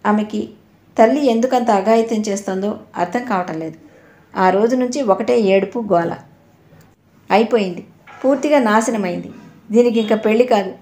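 A woman narrating an audio novel with expressive storytelling. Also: mid-range voice, normal speed, pauses often. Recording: roomy echo.

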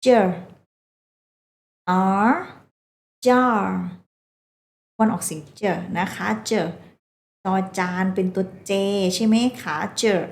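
A woman's voice: medium pitch, slow, echoey room. A woman teaching a children's phonics lesson, sounding out English words letter by letter and coaxing the children along.

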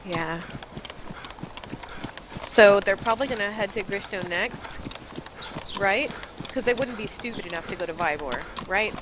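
A woman's voice: mid-range voice, measured pace, long pauses. A woman playing an online game, anxiously spotting enemies and calling out directions to a teammate. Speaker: game player. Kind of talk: gameplay voice chat. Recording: voice chat with loud noise.

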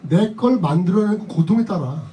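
A man's voice: sits high, animated, fairly quick, dark tone. A middle-aged man giving a motivational seminar speech to a live audience, emphatic and repeating his key phrases, often slipping into blunt casual talk. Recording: voice a bit distant from the mic.

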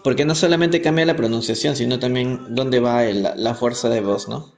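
A man from Peru teaching English on a live stream, reading aloud and explaining words in Spanish, repeating each pronunciation slowly. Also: medium pitch, gravelly. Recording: echoey room, faint music behind.

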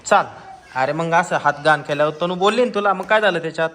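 Coaxing man with a bright voice. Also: a little high, quick pace. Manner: coaxing and scolding a child, many short repeated questions. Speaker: vlogger, parent picking up a child. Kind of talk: casual spoken vlog. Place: school classroom.

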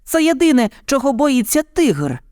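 A man voicing a flock of nosy, fussy vultures in a storybook reading, with a drawn-out, cooing delivery. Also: very high voice, very animated, darkish tone, no room sound, studio quality, voice pushed up. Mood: alarmed. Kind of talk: storybook narration.

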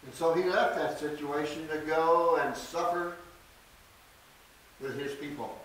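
Older male preacher, slow deliberate delivery, fairly high voice, echoey church picked up from afar. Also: steady tone, fairly bright tone. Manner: slow, deliberate scripture reading with emphatic stresses. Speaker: pastor. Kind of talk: sermon. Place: small church sanctuary. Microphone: podium mic from a distance. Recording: echoey church, distant mic, faint hiss.

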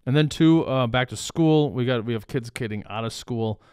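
A man's voice: mid-range voice, moderate pace, a little mellow, smooth, no room sound, clean studio sound. A man with a northern Minnesotan accent, moderating a casual discussion among colleagues and putting questions to them in an easygoing way. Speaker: logistics panel moderator.

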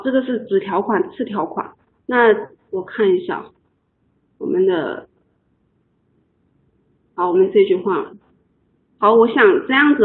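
A woman's voice: mid-range voice, slight background noise. A woman teaching an online English lesson, patiently explaining and repeating words for her students. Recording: tinny online call audio.

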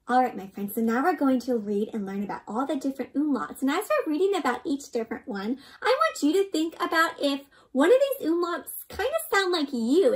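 Reading a picture book aloud for children, a young adult woman uses a high-pitched voice. Her delivery is expressive and interactive, with frequent questions to the listener.

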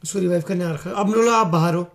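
Man, high pitch, squad gamer, bossy callouts, casual chat. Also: quick pace. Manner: bossy tactical directions, repeats orders. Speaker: squad player. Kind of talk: casual gaming chat with friends.

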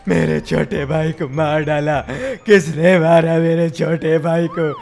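A man voicing a grieving older brother in game role-play, talking slowly and wailing, with faint music behind. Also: on the high side, level tone, gravelly, a little mellow. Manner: wailing, slow, drawn out.

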